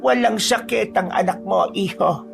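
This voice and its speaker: A man doing a high, creaky old healer woman. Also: unhurried, soft background music, exaggerated voice. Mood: calm knowing. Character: wise old female village healer. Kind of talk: storytelling voice acting.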